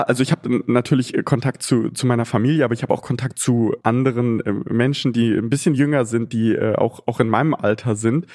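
A man's voice: medium pitch, a little mellow. A man born in Ukraine, a journalist guest answering interview questions thoughtfully, with frequent hesitations.

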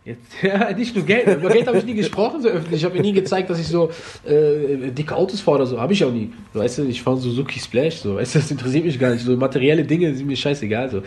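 A man born and raised in Germany, a former online comedian, guests on a podcast, telling stories in a laid-back, rambling way with lots of fillers. His voice is a little high and a bit mellow, he talks fast with few pauses, and slight background noise is present.

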